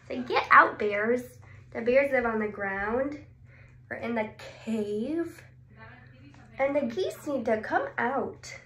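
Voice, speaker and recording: A speech therapist in her twenties with a voice on the high side reads a children's picture book with expressive exclamations, asking questions and pausing before she answers. The small indoor clinic room gives a roomy echo, and background noise is clear.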